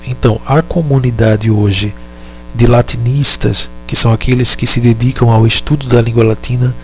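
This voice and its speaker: A man teaching a lesson, speaking deliberately, pausing often and correcting himself. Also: mid-range voice. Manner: deliberate, halting, repeats and self-corrects. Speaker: Latin teacher. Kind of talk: slow explanatory lesson.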